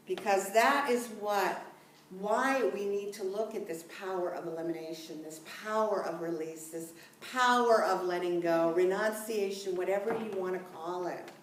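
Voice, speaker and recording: A woman's voice: medium pitch, slight background noise. A woman minister giving a sermon in a church, mixing personal stories with scripture in a chatty, conversational way. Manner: conversational, chatty asides, laughs easily. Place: church sanctuary. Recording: echoey room, mic at a distance.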